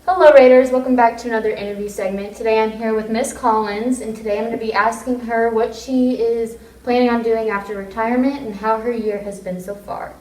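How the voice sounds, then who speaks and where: Young female interviewer, fairly high voice, casual, echoey room. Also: fairly even intonation, a little fast, hardly any pauses, darkish tone. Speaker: student interviewer. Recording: echoey room, distant microphone.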